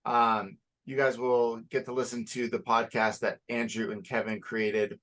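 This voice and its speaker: A man's voice: mid-range voice, little pitch movement, unhurried, fairly bright tone. A young man co-hosting a podcast in casual, profane chat, sounding sleepy and yawning now and then. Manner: loose and profane, laughing and yawning. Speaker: podcast co-host.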